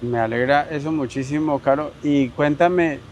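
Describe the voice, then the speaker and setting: A man hosting a podcast interview, warm and encouraging, asking long, rambling questions. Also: on the high side, moderate pace, slight background noise. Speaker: podcast host.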